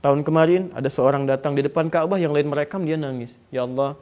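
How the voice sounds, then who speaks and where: A man teaching a religious study class with a quick, rapid delivery and a fairly high voice. He talks conversationally, keeps putting questions to his listeners and speaks to them directly in a lecture hall. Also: a little mellow. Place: lecture hall with live audience.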